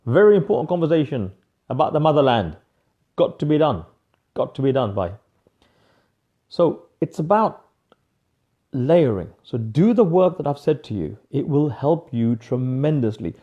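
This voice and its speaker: A man giving an energetic live motivational coaching talk, emphatic, repeating key phrases and calling viewers by name. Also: on the high side, muffled recording.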